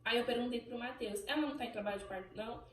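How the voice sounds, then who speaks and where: A young woman with a Brazilian Portuguese accent recounts a personal story, and her voice sits a little high. She speaks with feeling and acts out the remembered exchanges as she goes. She is recorded from a slight distance in an echoey room with faint ambience behind her. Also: rapid-fire. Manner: emotional, animated storytelling, voicing remembered exchanges. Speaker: channel host. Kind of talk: personal birth story vlog.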